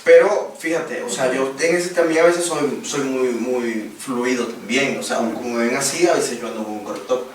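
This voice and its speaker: A man speaking as a guest on a round-table panel, telling about his work as an athlete in a lively, animated way. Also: medium pitch, normal speed, few pauses, a crowd in the background. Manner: lively, animated storytelling with laughter. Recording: echoey room, distant mic, noisy.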